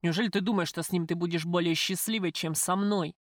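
A woman's voice: on the low side, steady tone, quick pace, dry recording, clean studio sound, lightly acted. Woman voicing a menacing gang boss man. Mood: threatening. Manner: rough slangy threats. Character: menacing male gang boss, coarse and possessive. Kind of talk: audiobook reading.

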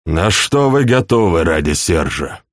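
A man voicing a shrewd, fatherly older chancellor in an audiobook, speaking in a calm, measured, persuasive way. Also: sits low, no echo, clean studio sound. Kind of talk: audiobook character reading.

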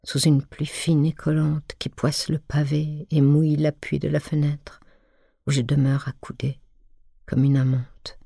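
A woman's voice: sits low, vocal fry, warm tone, husky, dry recording, clean studio sound. A woman reading a literary novel aloud in the first person, intimate and often half-whispered. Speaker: audiobook reader. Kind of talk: literary audiobook narration.

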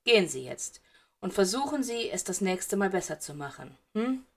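A woman voicing a stern, cool male schoolteacher who speaks in low, measured, clipped commands. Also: very animated. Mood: dry, measured.

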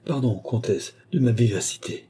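A man's voice: medium pitch, moderate pace, slightly rough. A man playing a weary, placating king. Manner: placating, gently reproachful. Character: weary, indulgent middle-aged king.

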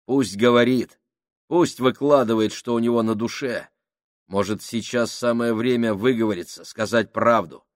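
A man voicing a cold, sneering male sailor who speaks slowly and quietly with a cutting edge. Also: medium pitch, dry recording, studio quality, close to an everyday voice. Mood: coaxing.

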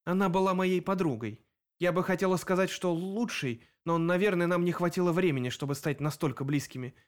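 A man reading an audiobook, voicing a young woman who grieves her murdered friend and wants revenge, with an emotional, sharp voice. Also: high voice, fairly quick, pitched above the performer's own voice, natural voice. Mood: bitter grief.

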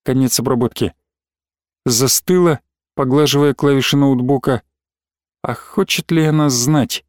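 A man reading a novel aloud as an audiobook narrator in measured, even storytelling. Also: medium pitch, no room sound, studio quality. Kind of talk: scripted narration.

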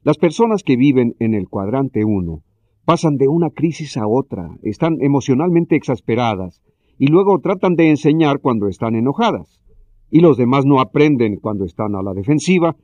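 A man narrating a scripted self-help lesson in a measured, explanatory way. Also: medium pitch, lively intonation, mellow, dry recording, muffled recording.

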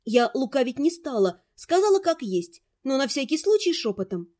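A woman calmly narrating a first-person fantasy audiobook. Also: high-pitched, moderate pace.

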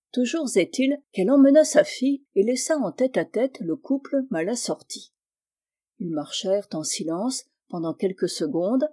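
A woman reads a classic novel aloud in a measured, expressive manner. Her voice is mellow and warm, with a mid-range pitch. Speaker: narrator. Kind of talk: audiobook reading.

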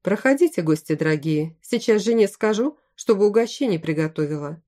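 A woman's voice: medium pitch, lively intonation, fairly quick, close to an everyday voice. A woman voicing a friendly young bearded craftsman who has lost his memory. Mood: welcoming. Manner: warm hospitable greetings.

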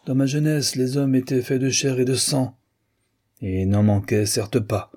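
A man's voice: medium pitch, fairly even intonation, measured pace, mellow, voice pushed up, natural voice. A man voicing a hot-tempered older navy admiral in an audiobook, blustering and scolding. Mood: irritated. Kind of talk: audiobook character reading.

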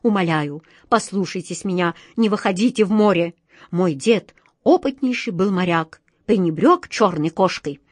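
A woman's voice: mid-range voice, expressive, moderate pace, a little mellow, no room sound, close to an everyday voice. A woman voicing a brave but superstitious sea captain who pleads anxiously with his friend, storybook style. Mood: pleading. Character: fearful, superstitious kind sea captain man.

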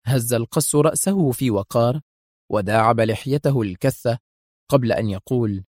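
Male narrator, measured and steady, dry close recording. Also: medium pitch, no echo. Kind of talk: audiobook narration of a spy novel.

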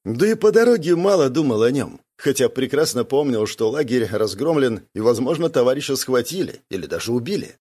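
Expressive man narrating an audiobook. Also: mid-range voice, fairly quick, few pauses, husky. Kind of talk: first-person fantasy audiobook narration.

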